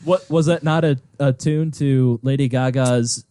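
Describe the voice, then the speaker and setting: A man's voice: mid-range voice, fairly even intonation, measured pace, warm tone, smooth, no room sound, clean studio sound. A man co-hosting a casual podcast, teasing and needling the others. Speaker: podcast co-host.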